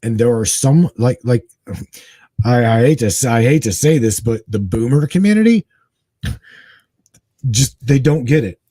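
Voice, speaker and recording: Animated, husky man in his forties. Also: medium pitch, a little slow, long pauses, no room sound. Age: 40s. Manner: animated, emphatic, conversational slang. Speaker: guest co-host. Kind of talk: casual conversation.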